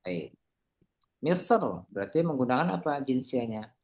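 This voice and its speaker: Teacher voice, patient relaxed explainer, steady mid pitch, casual tutoring tone. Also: unhurried. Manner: explains patiently, mixing Arabic drill words into relaxed talk. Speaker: Arabic teacher.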